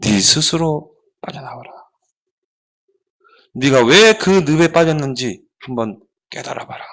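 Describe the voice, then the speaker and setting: A man doing a slow, aloof Buddhist sage. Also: on the high side, expressive, sharp tone, voice pushed down, full character voice.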